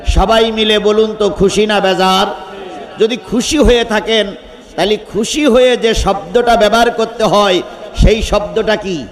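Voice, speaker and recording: A man with a high, ringing voice delivers a waz sermon into a microphone at an outdoor gathering. He tells stories with animated drive, shouts at the peaks and keeps questioning the crowd. The PA system leaves a long reverb trailing behind each phrase. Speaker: preacher.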